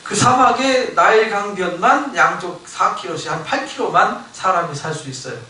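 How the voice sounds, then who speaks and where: Man pastor preaching, bright punchy voice, kinda high, acting out bible people, big echoey church room with faint hiss. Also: a little fast. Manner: animated, acts out voices of biblical figures, asks the congregation questions. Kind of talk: Bible lecture sermon. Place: church sanctuary. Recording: echoey church hall, mic at a distance.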